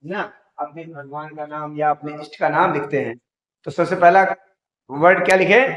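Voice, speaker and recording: A man's voice: fairly high pitch, fairly even intonation, normal speed, a bit bright, low-quality recording. A man teaching a Sanskrit lesson in class, drilling pronunciation, asking questions and repeating the answers.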